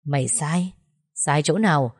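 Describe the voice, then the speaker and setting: A woman's voice: low voice, measured pace, husky. A woman voicing a strong husband who questions his wife's attacker in a cold, clipped way. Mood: icy.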